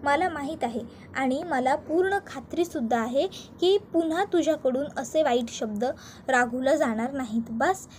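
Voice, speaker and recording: Here is a woman playing a patient police officer calming his upset wife in a retold serial. The voice stays high and close to the narrator's own. He speaks in steady, reassuring phrases. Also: normal speed, a little hiss or hum, lightly acted. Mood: soothing. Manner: soothing, reassuring. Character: calm male police officer, soothing husband. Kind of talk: retelling TV serial dialogue.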